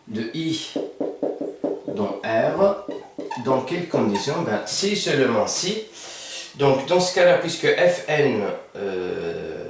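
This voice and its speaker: A man teaching a math lesson, talking it through with many fillers and self-corrections. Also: mid-range voice. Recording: echoey room, mic far off.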